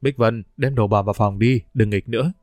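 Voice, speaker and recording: An anxious middle-aged wife, questions tumbling out quickly in a slightly lifted voice, in a storybook reading, as a male narrator puts her on. Close and dry. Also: lowish voice, darkish tone, dry recording, lightly acted. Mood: stern.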